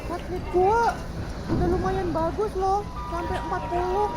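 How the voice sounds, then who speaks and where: A man's voice: very high voice, steady tone, moderate pace. A man playing a sassy, cheeky effeminate character with crude, flirty banter in an online role-play game. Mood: playful. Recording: noisy game voice chat, street and animal sounds.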